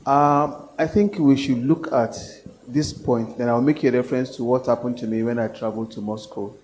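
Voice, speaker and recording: A man's voice: mid-range voice, fairly even intonation, moderate pace, darkish tone, slight background noise. A man from Nigeria, a professor speaking at a public forum, earnest and hesitant, with fillers and restarts. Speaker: professor, panel guest.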